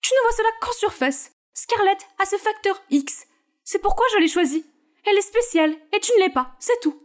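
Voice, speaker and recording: A woman's voice: very high-pitched, animated, moderate pace, voice pushed up. A woman voicing a strict, demanding mother who manages her daughter's career, bossy and cutting. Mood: dismissive. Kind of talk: storybook character voice.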